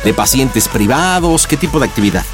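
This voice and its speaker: A man's voice: mid-range voice, expressive, brisk, music in the background. A man hosting a prank show, chatting casually with a caller in a teasing, playful, slangy way. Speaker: radio prank show host. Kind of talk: casual joking phone chat with caller.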